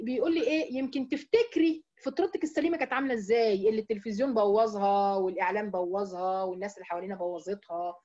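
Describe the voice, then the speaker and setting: A woman with an Egyptian Arabic accent teaching a religious lesson to women, asking herself questions and drawing out key words slowly for emphasis. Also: mid-range voice, a little mellow, dull audio. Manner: explains with rhetorical questions and checks "right?". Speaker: Quran teacher.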